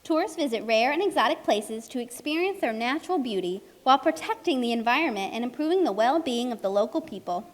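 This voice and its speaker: Narrating a live children's puppet show, a woman speaks expressively and directly to young kids, asking them simple questions. Her fairly high voice moves fast with hardly any pauses, echoing through a hall.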